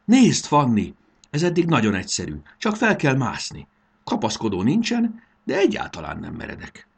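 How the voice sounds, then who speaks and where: A man's voice: mid-range voice, huge pitch swings, creaky, slightly rough, pitched above the performer's own voice, full character voice. A man voicing a young boy who boasts and acts brave while he is afraid of heights. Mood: cheerful, bossy. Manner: boastful, then nervous and bracing himself. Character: adventurous young boy, proud but scared of heights.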